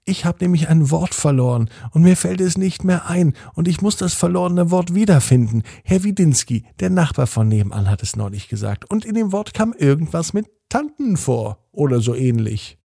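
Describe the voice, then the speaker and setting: A man's voice: on the high side, animated, moderate pace, creaky, hardly any pauses, mellow, no room sound, clean studio sound, pitched above the performer's own voice. A man voicing a puzzled young boy in a bedtime story, eager and full of questions. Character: puzzled young boy searching for a lost word.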